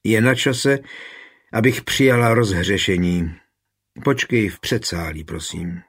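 A man reading the lines of a dying queen in an audiobook, speaking softly and frankly. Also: on the low side, natural voice. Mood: tender, weak.

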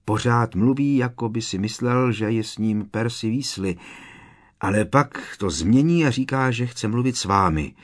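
A man's voice: medium pitch, lightly acted. A man voicing an anxious teenage schoolboy who talks urgently and pleads in a raised voice in an audiobook. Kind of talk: audiobook character voice.

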